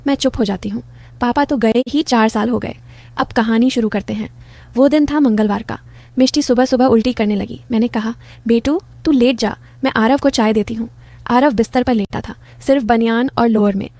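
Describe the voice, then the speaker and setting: Woman narrator for a first-person story; intimate, confiding read, warm mellow tone, dry booth sound. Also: on the high side, fairly quick, no room sound.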